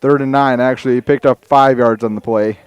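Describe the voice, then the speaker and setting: Breathless high school football announcer. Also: male voice, steady tone, brisk, smooth, dry recording. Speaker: play-by-play announcer.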